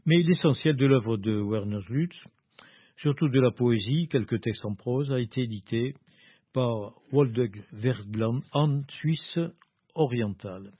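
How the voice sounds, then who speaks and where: Slow husky man presenting a book. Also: medium pitch, no echo. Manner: slow, hesitant, many fillers and restarts. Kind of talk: casual spoken book review. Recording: dry, phone-like narrow sound.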